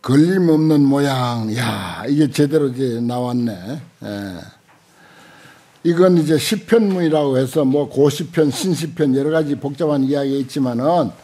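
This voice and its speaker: Seated at a desk in a temple center's lecture room, an older Buddhist monk gives an informal dharma lecture commenting on a text, speaking haltingly and conversationally with short interjections. His voice is medium-pitched and dark, picked up by close gooseneck desk mics.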